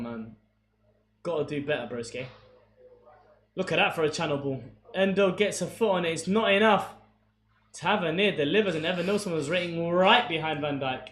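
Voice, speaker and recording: Live football commentary comes from a young streamer with a fairly high pitch, excitable and casual, addressing his chat between plays. The room sounds echoey, with faint noise behind him.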